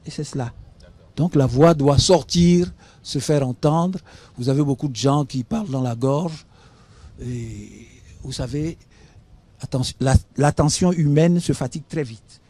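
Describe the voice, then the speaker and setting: A man's voice: mid-range voice, moderate pace, warm tone, no room sound. A man from Benin explaining speaking skills on a studio talk show, teaching patiently and spelling words out. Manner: didactic, spells out words, asks "hein?". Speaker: guest expert on public speaking. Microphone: studio mic.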